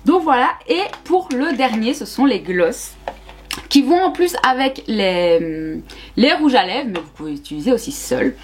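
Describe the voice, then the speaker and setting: A woman's voice: a little high, very animated, unhurried. A young woman, chatting casually through a makeup review with lots of fillers and repeated words. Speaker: beauty vlogger.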